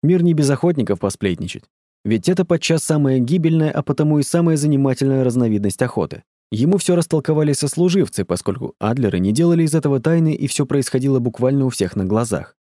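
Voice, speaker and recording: Male audiobook narrator, measured and even, dark tone, dry close recording. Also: mid-range voice, dry recording. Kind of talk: scripted narration.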